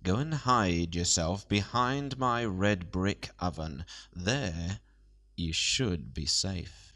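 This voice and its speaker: A man voicing a tall, calm baker who speaks low and quietly. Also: takes it slowly, heavily acted.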